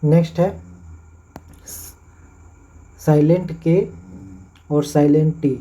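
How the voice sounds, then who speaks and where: A man's voice: a little high, level tone, unhurried, mellow. A man with a Hindi accent teaching English pronunciation, spelling words letter by letter and then saying them. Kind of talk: pronunciation lesson. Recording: dull lo-fi sound.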